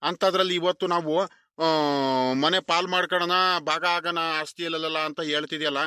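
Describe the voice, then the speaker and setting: A man's voice: fairly high pitch, level tone, moderate pace, pushed and bright, clear, resonant tone, no echo, clean studio sound. A man voicing a pleading, coaxing younger brother. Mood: hurt. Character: pleading younger brother, a well-meaning village landlord. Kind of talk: animated cartoon voice acting.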